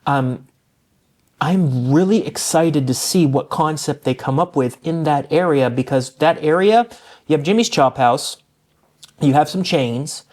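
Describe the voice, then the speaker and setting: A man's voice: on the high side, unhurried, a little mellow. Eager man raving about restaurants. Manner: enthusiastic, restarts and trails off mid-sentence. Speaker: guest food critic. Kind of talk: casual podcast chat.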